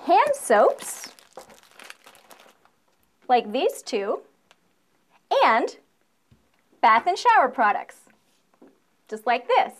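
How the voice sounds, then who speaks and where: A woman's voice: high voice, big pitch swings, extremely slow, pauses often. A young adult woman presenting a scripted promotional video in an upbeat, playful, salesy way.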